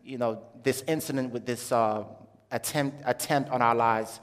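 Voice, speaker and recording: In an echoey hall with long reverb, a man from Jamaica, raised in Brooklyn, New York from childhood, gives an informal religious testimony to an audience. His medium-pitched voice has fairly even intonation and a moderate pace, and he tells his story conversationally, often stopping to search for words.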